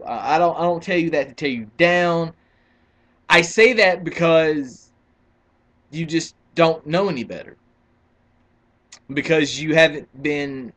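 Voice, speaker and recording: A man's voice: a little high, a bit bright. A man in his twenties ranting casually to camera as a wrestling vlogger, argumentative and rambling with frequent restarts. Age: 20s.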